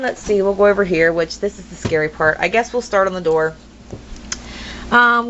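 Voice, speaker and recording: A young woman giving a casual, rambling home tour, full of ums and blunt opinions. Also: mid-range voice. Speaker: vlogger. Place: kitchen at home. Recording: dull lo-fi home video with noise.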